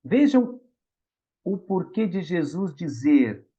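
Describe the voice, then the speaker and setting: A middle-aged Brazilian man lectures with a lively, sweeping pitch and acts out the voices in his stories. The recording sounds dull and lo-fi. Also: slow, slightly rough. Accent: Brazilian Portuguese. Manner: animated storytelling, acts out quoted voices. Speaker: spiritist lecturer. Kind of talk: public lecture on the gospel.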